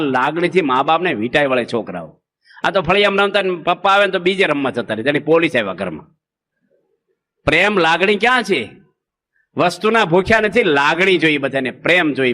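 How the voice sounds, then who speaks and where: A monk delivering a folksy sermon, telling stories and asking the audience rhetorical questions. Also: male voice, fairly high pitch, sharp tone.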